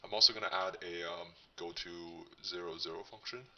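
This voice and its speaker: A man hosting a casual coding tutorial, his voice disguised as a deep one by a voice changer, thinking aloud as he demonstrates. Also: steady tone, fairly quick, sharp tone, recorded from a distance, dull audio. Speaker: tutorial host.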